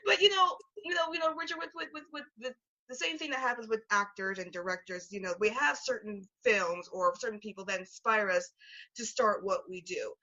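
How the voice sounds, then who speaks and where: Bright chatty lady host, lots of "you know", kinda muffled lo-fi audio. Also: medium pitch, fairly quick. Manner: effusive, lots of filler, laughs often. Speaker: interviewer host. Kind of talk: casual interview. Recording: dull lo-fi sound.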